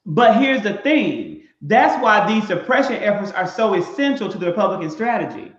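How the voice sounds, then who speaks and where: A man with a high voice co-hosts the talk in an emphatic, preacherly cadence. His voice sounds roomy, and the recording is dull and lo-fi. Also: sing-song, moderate pace. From Mississippi. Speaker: podcast co-host. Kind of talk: casual discussion.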